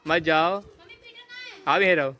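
A woman's voice: sits low, slow pace, background noise. A woman filming a home vlog, coaxing a small child again and again in a sing-song voice. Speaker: family member filming a baby. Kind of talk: casual home vlog chatter.

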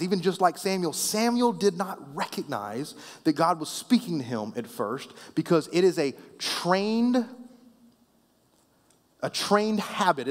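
A man preaching a sermon as pastor, conversational and playful with the congregation, often dropping soft and low at the ends of phrases. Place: church sanctuary. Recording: long reverb of a church hall.

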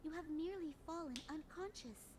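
A woman voicing a gentle, solemn tome spirit in a video game, speaking formally like a serene heavenly goddess. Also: high-pitched, brisk, background noise, natural voice. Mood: calm, apologetic. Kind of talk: video game dub acting.

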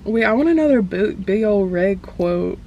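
Animated, laughing woman in her twenties. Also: mid-range voice, normal speed, gravelly, lo-fi sound, slight background noise. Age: 20s. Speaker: vlog guest. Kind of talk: casual chat.

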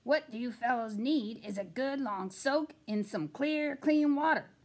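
A woman voicing a confident, know-it-all male duck in a storybook reading, hearty and loud. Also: fairly high pitch, a little slow.

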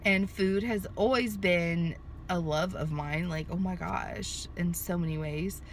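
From her car in a sunny parking lot, a woman in her thirties vlogs casually into a phone held at arm's length, rambling with plenty of fillers and restarts. Her lowish voice moves a little slowly, and a little hiss or hum runs under it.

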